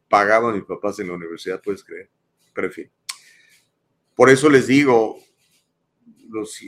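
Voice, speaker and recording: A man's voice: lowish voice, fairly bright tone. Chatty man reading viewer comments. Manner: chatty, self-deprecating, uses slang like "brother" and "chamaco". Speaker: host of live news talk show. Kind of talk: casual live talk, reading viewer comments.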